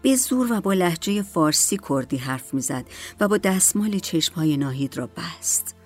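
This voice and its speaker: Woman, audiobook narration, calm, measured, lowish voice, faint music.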